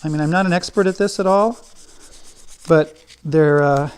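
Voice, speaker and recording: A middle-aged man teaching guitar in a relaxed, chatty way, thinking aloud as he works. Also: on the high side, normal speed, clear, resonant tone. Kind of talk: casual how-to lesson while working.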